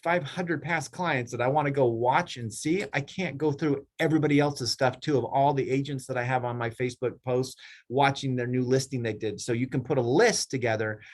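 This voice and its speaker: A middle-aged man leading a team meeting, coaching real estate agents in a rambling, animated way, often acting out clients in a raised voice. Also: mid-range voice, a little fast. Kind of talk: casual coaching talk.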